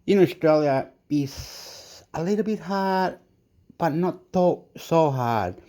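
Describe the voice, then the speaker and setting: In his home kitchen, a cooking vlogger from southern Chile with a Chilean accent chats loosely and gives a pep talk, rambling and mixing English with Spanish. His voice is fairly high, animated, slow, and mellow.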